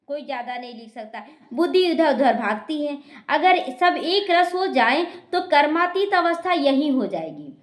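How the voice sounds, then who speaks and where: A woman, a spiritual teacher explaining scripture to a class, repeating her points and speaking straight to her listeners. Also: high voice. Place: meditation class hall. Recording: echoey room.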